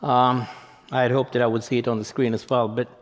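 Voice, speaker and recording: A man's voice: mid-range voice, level tone, a little fast. A man from Sweden, giving a conference presentation and explaining things as he thinks aloud. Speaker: conference speaker. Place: conference venue hall. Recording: long hall reverb.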